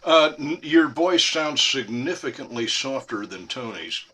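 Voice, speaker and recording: A man's voice: medium pitch, lively intonation, measured pace, bright, forceful tone. A man speaking politely over a distant video call connection, giving plain matter-of-fact feedback. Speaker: online participant.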